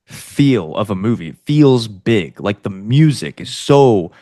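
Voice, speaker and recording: A young man hosts a casual podcast chat, questioning his father in a deep voice. The sound is dry and close, and he leans on "like" as he talks. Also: lively intonation, measured pace, mellow, dry recording. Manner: asks questions, says "like" a lot. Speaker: podcast host, son.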